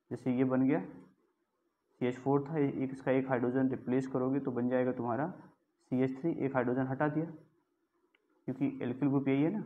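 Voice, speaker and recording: A man teaching a chemistry class in a lecture style, asking questions and answering them himself. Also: mid-range voice. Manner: explains step by step, asks and answers his own questions. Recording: tinny phone-like sound.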